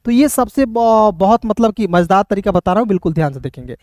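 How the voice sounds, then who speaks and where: A man gives a classroom-style English lesson in a high, darkish voice, speaking quickly with lively intonation. The recording is dry and studio-clean. He explains step by step, frequently asks questions, and refers to listeners as friends again and again.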